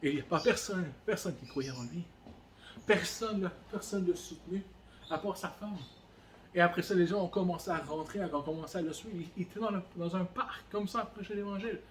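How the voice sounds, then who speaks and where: A man's voice: high-pitched, fairly quick, slight background noise. A man preaching a sermon on his own to a camera, exhorting the listener with fervent repetition and rising calls. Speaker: pastor. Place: church room, alone, filming himself. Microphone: camera on a stand.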